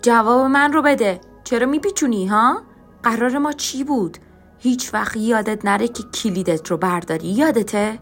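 Woman doing a furious shouting father. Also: medium pitch, faint music behind, lightly acted. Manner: angry, scolding, loud. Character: stern, shouting middle-aged father.

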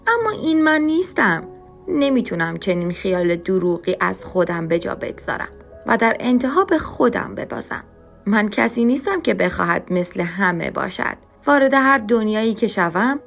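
A woman narrating a dark story in a reflective, bitter, questioning way, as scripted audiobook narration. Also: mid-range voice, vocal fry. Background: faint music.

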